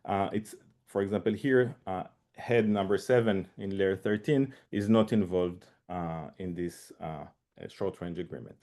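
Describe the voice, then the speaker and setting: A man presenting a research seminar, speaking haltingly with many fillers and restarts. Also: low voice, mellow. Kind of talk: academic seminar talk.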